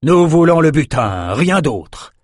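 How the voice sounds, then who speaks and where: A ruthless raider captain gives cold, clipped orders, as a male narrator puts him on. The voice is pushed a little higher and louder than the reader's own. The recording is dry and close. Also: big pitch swings, slow pace, dry recording, full character voice. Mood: menacing.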